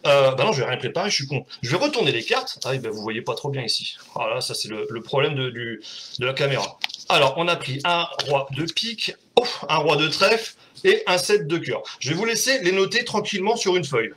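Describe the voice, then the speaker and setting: A man's voice: fairly high pitch, expressive, brisk, pushed and bright, a little hiss or hum. A man hosting a casual home live show, chatty and self-mocking, talking to viewers while doing a card trick and swearing freely.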